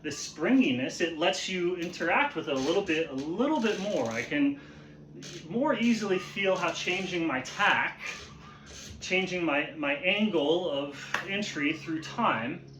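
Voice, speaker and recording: Speaking with a fairly high, animated voice against a noisy background, a martial arts instructor walks through an informal explanation. He halts, repeats phrases, and keeps checking in with question tags, all in an echoey, roomy recording.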